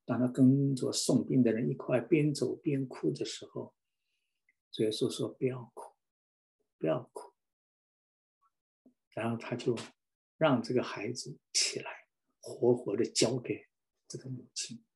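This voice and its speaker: A middle-aged man delivers a sermon with fervent feeling. He circles back and repeats key phrases for emphasis. His voice sits at an ordinary middle pitch. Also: fairly even intonation, unhurried, vocal fry, a little mellow. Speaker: preacher.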